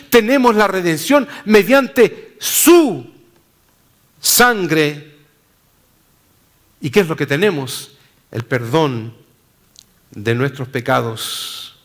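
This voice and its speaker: A man pastor preaching a sermon in slow, deliberate phrases, dropping low and soft at the ends.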